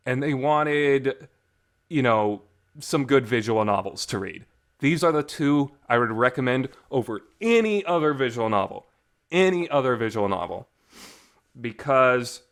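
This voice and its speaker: A man with a mid-range, fairly bright voice hosts a rambling, casual review of visual novels. He's enthusiastic and emphatic, often restarting sentences, and the homemade recording is reverberant.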